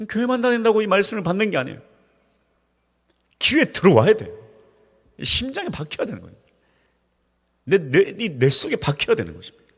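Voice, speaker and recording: In a church sanctuary, a male pastor from Korea's Gyeongsang region preaches a sermon, animatedly telling stories and acting out voices. His voice is fairly high and a bit bright, trailed by a long reverb.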